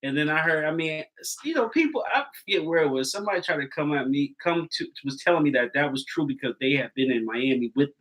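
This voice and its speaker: A man's voice: on the high side, animated, quick pace, hardly any pauses, a bit bright, poor audio. A man co-hosting a podcast in casual chat, a laid-back, teasing storyteller. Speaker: podcast co-host.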